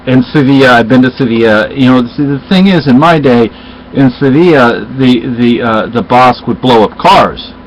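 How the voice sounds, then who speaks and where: In easygoing conversation, a middle-aged man from Spain spins a rambling story with many halts and restarts. His first language is Spanish and his voice sits in the mid range. The recording is dull and lo-fi, with slight background noise.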